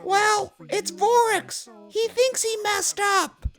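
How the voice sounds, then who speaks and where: A woman's voice: very high-pitched, fairly even intonation, slow, a bit bright, full character voice. A woman voicing an encouraging, loyal studio assistant in a comic audio drama. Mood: eager.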